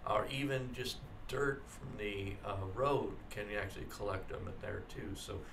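A man teaching an automotive class over slides, talking in a halting way with many fillers and restarts and frankly adding his own opinions. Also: on the low side, vocal fry, background noise. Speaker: automotive instructor. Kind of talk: slide lecture.

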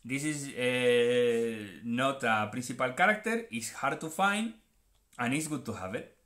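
A man's voice: medium pitch, expressive, slow, fairly bright tone. A man with a Spanish accent from Spain, hosting a card unboxing and chatting in a playful, joking way. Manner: chatty and playful, often joking and self-mocking. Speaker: card unboxing channel host. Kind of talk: casual unboxing commentary, switching between Spanish and English.

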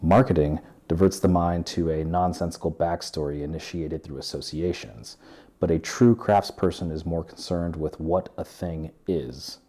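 A man in his thirties, a welder, giving a measured, earnest scripted narration of an essay in his living room. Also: low voice, dark tone.

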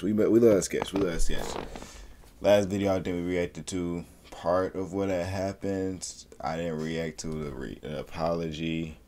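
A young man in his twenties talks through a reaction video in a loose, rambling way, heavy on slang. His voice sits very low. A faint hiss sits behind him. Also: a little mellow. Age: 20s. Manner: laid-back, rambling slang-heavy talk. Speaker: reaction streamer. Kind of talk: casual reaction commentary.

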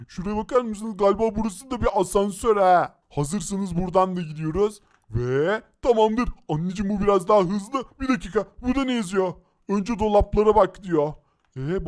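An excitable man narrates his game to viewers, with lots of sudden exclamations. His voice sits well above most men's. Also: sits high. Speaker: YouTube game host.

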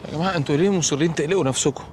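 Actor doing a whiny nervous egyptian dude, high voice, talks fast, faint noise behind. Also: male voice, darkish tone, lightly acted. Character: anxious, clueless young man lost in time. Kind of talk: comedy series acting.

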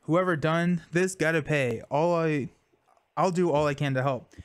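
A man's voice: fairly high pitch, moderate pace, smooth, no echo, lightly acted. A man reading aloud as a shaken old rural man who talks in a quavering voice and folksy grammar. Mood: grim.

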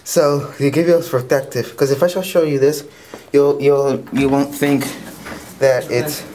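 A man's voice: mid-range voice, fairly even intonation, a little slow, a little mellow, a little hiss or hum. Rambling teenage boy vlogging on the go. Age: teens. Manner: rambling, restarts, casual and self-mocking. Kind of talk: casual daily vlog. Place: outdoors walking in rain, then at home. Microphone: handheld camera.

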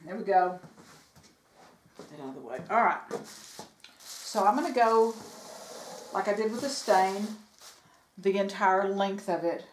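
A woman talks through her furniture project at home in a relaxed, meandering way, pausing on fillers and correcting herself as she goes. Her voice sits at an ordinary middle pitch. The camera mic picks up a faint background hiss of the room. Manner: chatty, rambling, self-correcting with fillers. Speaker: DIY furniture vlogger. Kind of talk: casual how-to narration while working. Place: home sewing room, indoors.

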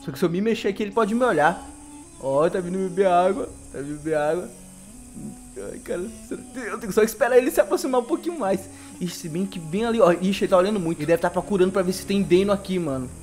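A young man with a Brazilian accent giving excitable, slangy live commentary over gameplay and laughing often. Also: sits high, fast. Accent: Brazilian Portuguese. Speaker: gaming YouTuber.

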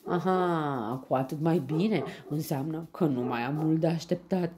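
A woman's voice: very animated, noisy background. A woman voicing a boastful male lion in a storybook, who mocks and then yelps shrilly. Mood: mocking. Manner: gloating laughter turning to shrill yelps.

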